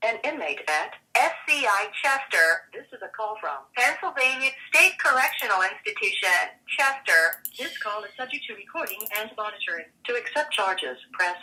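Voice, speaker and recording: A woman's recorded voice giving a formal, measured automated announcement, played over a prison phone line. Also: medium pitch, lively intonation, pushed and bright. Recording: distant phone speaker, picked up from afar.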